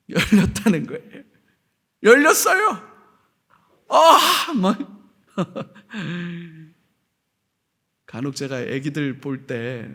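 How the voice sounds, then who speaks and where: A man preaching a sermon as pastor, animated, with rhetorical questions to the congregation and homely humor. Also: a little high. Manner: homely humor with everyday anecdotes.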